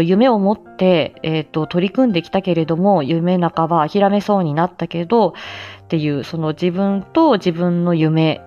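A woman with a lowish voice hosts a casual solo audio live stream, chatting to listeners in a personal way. She talks hesitantly and pokes fun at herself while groping for words. The sound is lo-fi.

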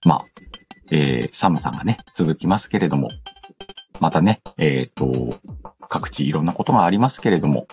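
Background music plays behind a dull, lo-fi recording of a man with a rumbling low, darkish voice speaking animatedly at normal speed. He hosts a casual radio-style show, chatting and reading listener letters in a playful, slangy style with asides that interrupt himself.

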